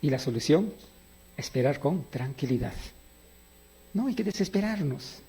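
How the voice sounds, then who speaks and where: A man's voice: a little high, unhurried, husky. A middle-aged man preaching a sermon, asking his listeners questions and telling his own stories. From Peru. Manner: animated, asks the audience questions and answers them. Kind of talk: sermon with personal anecdotes.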